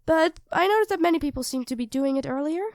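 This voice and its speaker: A woman with a high-pitched voice speaks fast in a clean studio recording with no room sound, playing a sweet, self-doubting young girlfriend in an intimate ASMR roleplay. She talks directly to her partner, soft-spoken, hesitant and earnest, in a gentle, thoughtful mood.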